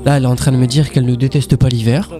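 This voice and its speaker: A man's voice: medium pitch, level tone, racing. Punchy casual man narrating over music. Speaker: vlog host and narrator.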